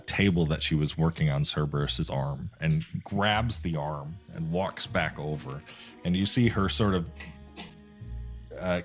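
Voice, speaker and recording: A man narrating a tabletop game as game master, rambling and halting with many fillers. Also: deep voice.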